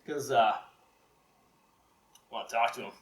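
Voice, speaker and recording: A man's voice: mid-range voice, slow, a bit bright, pitched below the performer's own voice. Man playing a huge boastful dim giant, hesitant fillers, roomy sound. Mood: boastful, uneasy. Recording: roomy live hall sound.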